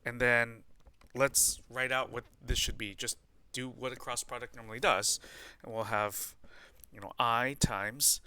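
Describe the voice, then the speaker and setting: A man lectures on math at a board, his medium-pitched voice steady, smooth and sharp, with a measured pace and hardly any pauses. There is no echo as he explains and spells out the notation piece by piece while writing it.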